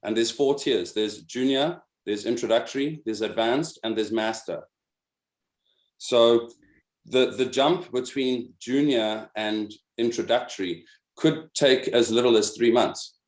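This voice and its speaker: On a video call, a man leads an online meeting of instructors, patiently explaining a program step by step and often repeating words as he searches for them. His medium-pitched voice moves at a measured pace in an echoey room.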